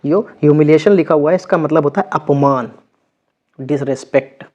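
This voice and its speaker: A man's voice: on the high side, normal speed, a little mellow, highs cut off. A man teaching an exam vocabulary lesson, going over word meanings and checking in with his students after each one. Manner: repeats words with frequent check-ins.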